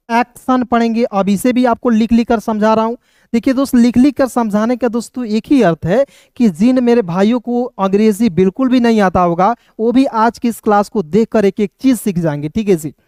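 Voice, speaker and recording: A man's voice: high voice, a little mellow, clean tone, no room sound, clean studio sound. A man teaching in an online tutorial, asking his viewers questions again and again and spelling words out letter by letter. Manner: patient, drilling explanations. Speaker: English teacher.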